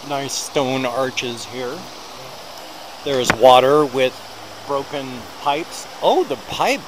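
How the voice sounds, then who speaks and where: A middle-aged American man walks beside a busy road in a small town, chatting slowly in an expressive mid-range voice. The casual vlog is rambling and self-deprecating, recorded on a small handheld device held close to his mouth, with loud traffic passing throughout.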